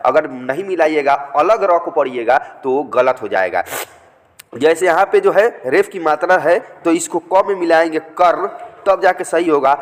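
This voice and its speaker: A man teaching a reading lesson, patiently repeating words and sounding out syllables slowly. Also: on the high side, long reverb tail.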